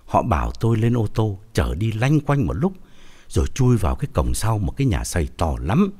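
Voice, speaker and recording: A man voicing a boastful older male fortune teller spinning a story with a husky voice. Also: lowish voice, wildly swooping pitch, fairly quick, mellow, soft background music, full character voice.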